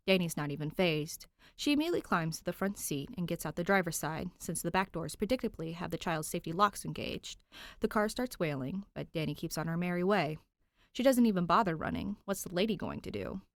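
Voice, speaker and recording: A woman hosts and reads a fan fiction podcast, speaking close to the microphone in a dry recording. Her voice is on the low side. She opens with a chatty host intro before moving into audiobook-style story narration.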